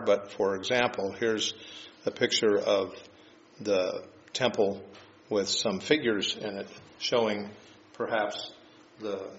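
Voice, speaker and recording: Man, Bible class teacher, lowish pitch, halting explanatory lecture, echoey room, faint background noise. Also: muffled recording. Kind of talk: informal lecture on scripture and history.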